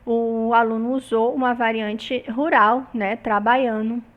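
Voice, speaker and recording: A woman's voice: fairly high pitch, a little slow, lo-fi sound. A woman with a Brazilian Portuguese accent giving a recorded university lecture, explaining step by step and often ending phrases with tag questions.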